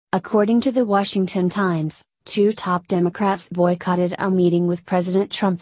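A woman narrating scripted news in an even read-aloud delivery that garbles abbreviations. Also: mid-range voice, no echo.

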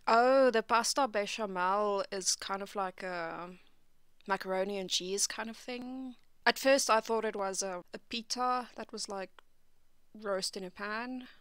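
Slow-talking skeptical woman reaction host. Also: mid-range voice, fairly bright tone, clear, resonant tone, dry recording. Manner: skeptical, critical commentator. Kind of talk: reaction commentary.

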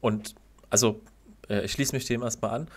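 A man co-hosting a podcast in casual chat, relaxed and agreeable, sometimes stumbling over his words. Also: lowish voice, moderate pace. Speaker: podcast co-host.

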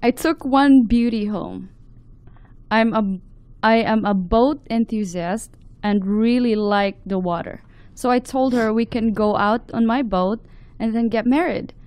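A woman's voice: fairly high pitch, measured pace, darkish tone, no room sound. A woman hosting a talk show who reads viewer letters aloud with an amused, giggly manner. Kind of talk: casual studio chat, reading letters aloud.

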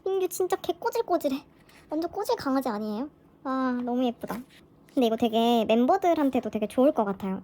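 Woman vlogger, high and lively voice, excitable fan chatter for an unboxing. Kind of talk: casual unboxing vlog.

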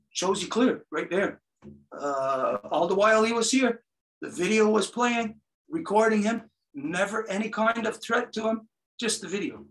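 A man's voice: high-pitched, fairly bright tone, recorded from a distance, low-quality recording. A man from Kahnawake hosting a livestreamed talk, accusatory and rambling with many fillers. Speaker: host of a community talk show.

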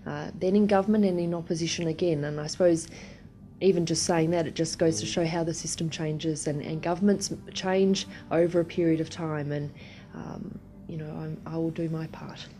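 A woman's voice: deep voice, fairly even intonation, moderate pace, mellow. A woman politician answering interview questions hesitantly, with many filler sounds.

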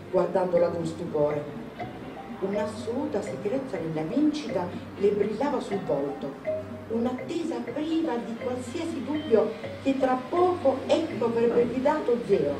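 Brief: woman reader, fairly high voice, narrating a novel, echoey hall, mic at a distance, music under her. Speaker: reader at a literary tribute. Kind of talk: dramatic literary reading. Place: event hall.

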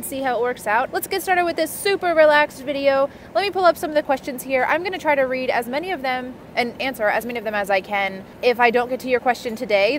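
A young adult vlogger with a high voice chats informally to camera in an urban park, rambling and dropping "like" and "you know" often. She speaks into her earphone mic, which picks up outdoor background noise.

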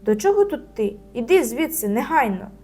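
A woman voicing a strict camp counselor in a storybook reading, scolding loudly. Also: steady tone, quick pace, soft background music, close to an everyday voice. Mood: irritated. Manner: scolding, shrill when shouting.

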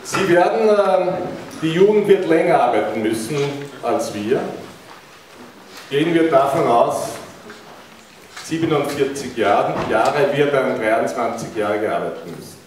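A middle-aged Austrian man delivers a public lecture at a middle pitch, putting questions to the listeners. He speaks into a handheld mic in a big, very echoey lecture hall. The recording picks him up from a distance, with a faint hiss underneath. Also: animated, measured pace. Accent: Austrian German. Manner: engaging, asks the audience questions. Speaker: keynote speaker. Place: large university lecture hall, indoors. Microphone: handheld mic, recorded by a far camera.

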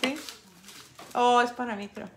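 Middle-aged woman, chatty livestream host, talks straight to viewers, slightly high voice. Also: steady tone, measured pace, a little hiss or hum. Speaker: artist livestreaming her painting. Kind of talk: casual livestream chat.

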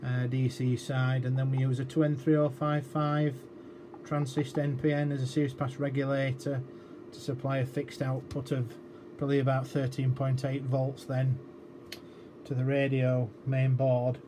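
In a noticeably noisy workshop room, a repair demonstrator talks through a technical job informally at an indoor electronics bench. He speaks in a monotone with medium pitch and moderate pace, hesitating and thinking out loud.

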